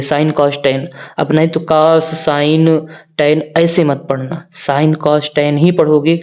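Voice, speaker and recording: A male teacher walks students through a maths lesson. He keeps asking them questions and then answers them himself. His voice sits a little high and has a warm, mellow tone. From northern India. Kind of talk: classroom-style maths lesson.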